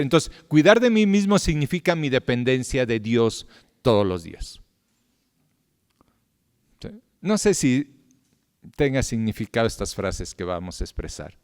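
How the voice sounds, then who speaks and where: Middle-aged male pastor, smooth resonant voice, impassioned sermon delivery with loud peaks and hushed drops, long church reverb. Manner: impassioned, rising loud at appeals then dropping to a low hush. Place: church hall.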